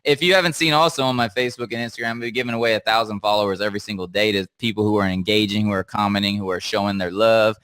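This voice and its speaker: A man hosting a live stream, chatting casually with his viewers in an excited way and often laughing. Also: on the low side, rapid-fire, few pauses, clean tone, dry recording. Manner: hyped and giggly, keeps breaking into laughter. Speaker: livestream host.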